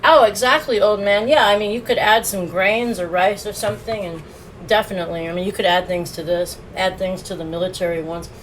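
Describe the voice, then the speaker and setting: On a phone-recorded stream, a woman does a casual food review, chatting with viewers, laughing often, and talking while she eats. Her mid-range voice is steady and a little fast, and the rough recording carries slight background noise.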